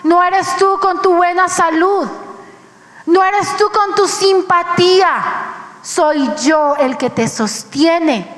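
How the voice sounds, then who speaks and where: High-voiced Colombian woman preaching. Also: takes it slowly, long reverb tail. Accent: Colombian Spanish. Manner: impassioned, acts out quoted voices. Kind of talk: sermon. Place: church.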